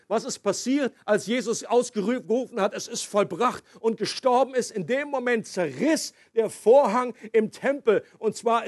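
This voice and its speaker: A man's voice: high-pitched, husky, no room sound, clean studio sound. A man preaching a sermon earnestly, his intensity rising when he quotes, with an occasional stumble. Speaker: pastor.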